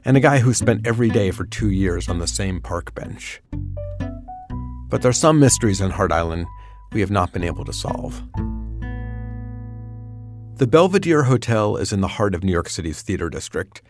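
Low-voiced man narrating a radio documentary. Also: animated, music in the background. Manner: measured, storytelling delivery. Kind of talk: scripted narration.

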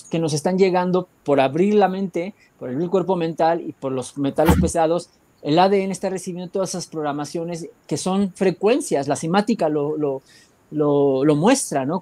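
A man with a Mexican accent giving a rambling spiritual talk, often searching for words and filling pauses. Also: fairly high pitch, dark tone. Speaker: guest speaker.

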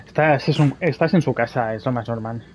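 A man's voice: medium pitch, a little fast, darkish tone, a little hiss or hum. A middle-aged man streaming a game, giving casual reaction commentary close on a headset.

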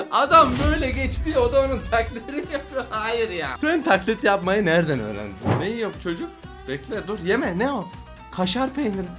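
A man chats through a string of funny videos in a loose, joking way, laughing often and teasing the children on screen. His pitch leaps up and down with every reaction. Soft music plays underneath. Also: sing-song, moderate pace. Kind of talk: casual reaction commentary.

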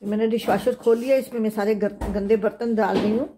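A woman's voice: mid-range voice, steady tone, brisk, background noise. An older woman from Pakistan narrating casually while she cooks and tidies her home kitchen, chatting and calling out to the children. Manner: chatty, calls to the children while doing housework. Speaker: home cooking vlogger, grandmother. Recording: kitchen clatter of dishes and cutlery.

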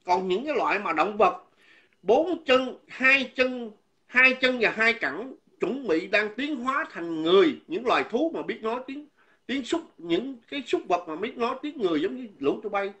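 A man rants straight to his audience in a high, piercing voice. He is coarse and insulting, circles back to the same phrases and trips over his words. His tone is bright and tense. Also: lively intonation, moderate pace. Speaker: vlogger. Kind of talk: angry ranting monologue. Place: living abroad.

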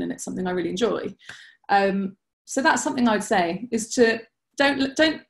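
A young woman answering viewer questions on a video call, her mid-range voice carrying a gravelly edge. She talks chattily and earnestly, stacking fillers and restarting sentences. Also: medium pitch. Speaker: guest speaker answering audience questions. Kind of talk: webinar Q&A talk.

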